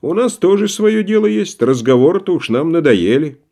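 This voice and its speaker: A man's voice: fairly high pitch, big pitch swings, normal speed, gravelly, dark tone, voice pushed up, exaggerated voice. A man voicing a wily, stubborn merchant who talks in a folksy, obsequious way, in an audiobook play reading. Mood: wheedling stubborn. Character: wily, stubborn middle-aged male merchant.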